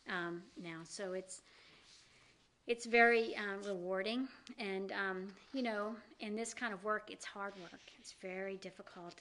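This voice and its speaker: This interview guest is the executive director of a downtown organization, a middle-aged Southern woman with a light regional accent. She speaks at a measured pace in a medium-pitched, somewhat bright voice with fairly even intonation. Her answers are sincere and sprinkled with many ums and you-knows.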